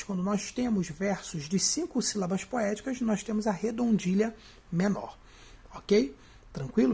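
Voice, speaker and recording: Brief: Brazilian Portuguese teacher, gravelly and husky, explains step by step and keeps checking in. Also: medium pitch, mellow. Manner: step-by-step, often checks in with the listener. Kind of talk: video lesson on poetry.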